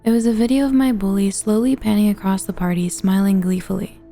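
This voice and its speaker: A woman's voice: medium pitch, steady tone, a little fast, mellow, faint music behind. A woman reading first-person online confession stories as scripted narration.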